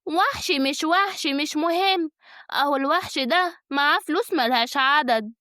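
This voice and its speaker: A woman's voice: high-pitched, moderate pace, pushed and bright, no room sound, studio quality, pitched above the performer's own voice. A woman doing a drawling, calculating Egyptian friend. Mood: scheming. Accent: Egyptian Arabic. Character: calculating female best friend.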